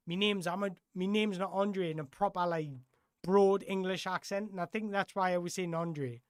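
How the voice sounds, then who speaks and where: A football host on a live stream, talking things through in a loose, chatty way and often backing up to rephrase mid-sentence. The voice sits at an ordinary middle pitch. The sound is close and dry, with no room echo. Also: smooth. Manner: rambling, self-correcting, chatty. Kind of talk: casual live-stream chat answering viewer questions.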